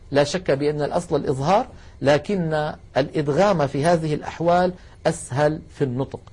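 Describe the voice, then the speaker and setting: A man lecturing a class, explaining carefully and slowing down to demonstrate sounds, asking students to try along. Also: a little high, darkish tone, breathy edge. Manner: addresses students directly, asks them to try along. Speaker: Quran recitation teacher.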